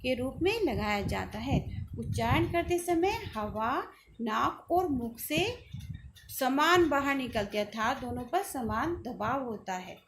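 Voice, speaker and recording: A woman's voice: sits high, lively intonation, measured pace, a little hiss or hum. A woman teaching a school grammar lesson, explaining patiently, asking questions and answering them herself.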